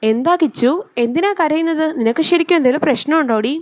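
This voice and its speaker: A woman voicing a lively young woman, a playful best friend, in a storybook reading. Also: sits high, fast, dry recording, close to an everyday voice. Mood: teasing. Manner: playful, bantering.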